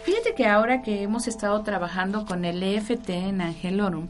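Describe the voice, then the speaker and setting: A woman talks on the radio about prayer and angels, at a middle pitch for a woman. She coaches the listener directly in a guiding way, and soft music plays faintly beneath her. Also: animated, a little fast. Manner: instructive, addresses the listener directly. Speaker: spiritual radio talk host.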